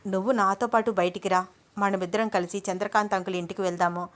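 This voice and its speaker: A woman's voice: mid-range voice, steady tone, fast talker, natural voice. A woman voicing an earnest young man.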